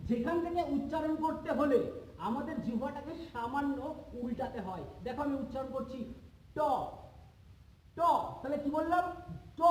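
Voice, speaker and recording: A man's voice: very high voice, a little mellow, a little hiss or hum. A man teaching a lesson, patient, repeating points and checking that students understand. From Bengal. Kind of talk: classroom lesson. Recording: echoey room, far from mic.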